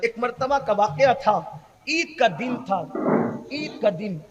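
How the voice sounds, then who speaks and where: A man with a very high voice preaches with passion, now and then acting out the people in his stories. His voice rings with a long hall echo. The delivery is forceful and sermon-like. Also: highs cut off, crowd noise. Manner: impassioned, preachy, acts out quoted voices. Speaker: Islamic preacher. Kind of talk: sermon-style speech.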